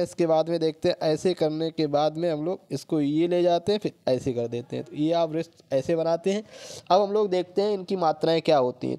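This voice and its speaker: A man teaching a step-by-step lesson, explaining slowly, repeating sounds and often adding filler checks. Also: high voice, mellow.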